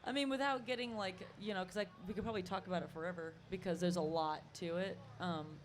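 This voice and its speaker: A woman's voice: on the low side, steady tone, fast talker, slight background noise. A woman musician talking casually in an interview, laid-back and rambling, often laughing. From Los Angeles. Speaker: touring musician.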